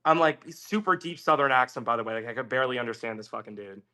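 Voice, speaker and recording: A man's voice: medium pitch, fast. A man telling a long casual story on a podcast, swearing freely and acting out what other people said. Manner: animated, swearing, acts out quoted voices. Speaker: podcast guest.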